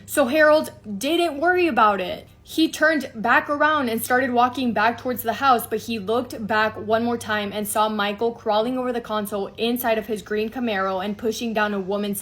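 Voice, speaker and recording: A woman's voice: on the high side, fairly even intonation, moderate pace, few pauses. Earnest woman telling a true crime story. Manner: earnest, emphatic, repeats phrases for stress.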